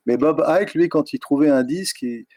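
A man, a guest author, telling stories in a rambling, relaxed way with many fillers. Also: fairly high pitch, moderate pace, no echo. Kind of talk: casual interview chat.

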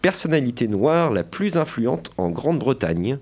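A man's voice: medium pitch, sing-song, moderate pace, darkish tone. Hesitant man presenting sports news. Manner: hesitant, many fillers and restarts, self-correcting. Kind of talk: casual radio sports chat.

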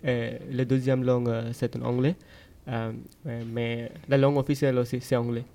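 A teenage boy from Bangladesh, answering interview questions in a learner's halting way with many fillers and restarts. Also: medium pitch, little pitch movement, dark tone. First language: Bengali. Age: teens. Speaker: interview guest. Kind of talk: school interview.

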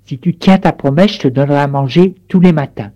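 A man voicing an old grandmother in a children's story, shrill when she calls for help and firm when she lays down terms. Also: fairly quick, warm tone, muffled recording, lightly acted. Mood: stern. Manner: shrill, pleading. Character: frightened, scolding old grandmother.

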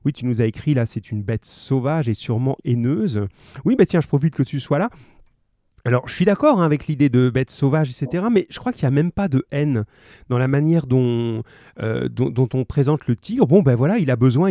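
A man's voice: mid-range voice, animated, a little fast, mellow, dry recording, clean studio sound. A man teaching a class over the radio, chatty and joking, full of fillers and restarts as he takes calls from pupils. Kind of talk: remote class on radio, casual and encouraging.

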